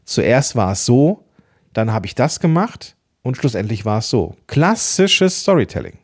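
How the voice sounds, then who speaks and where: A man hosting a solo podcast episode, giving tips in a casual, lively way, playing with emphasis and pauses. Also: medium pitch, breathy edge. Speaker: podcast host.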